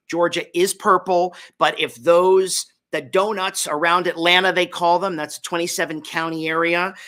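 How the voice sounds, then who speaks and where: Hungover man with a bright, forceful voice. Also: fairly high pitch. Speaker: host of a political talk show. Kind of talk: political commentary to an audience.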